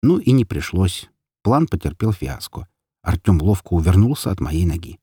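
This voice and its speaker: A man narrating an audiobook story in an expressive, dramatic way. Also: sits low, moderate pace, husky, dry recording, studio quality.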